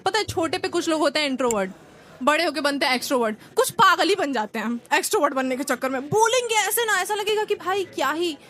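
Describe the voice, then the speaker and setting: A young woman from India performs stand-up comedy in with a tinge. Her voice sits high, and she tells her stories in a lively way, slipping into impressions of family and friends. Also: fast talker. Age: young adult. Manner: lively storytelling, acts out relatives and friends.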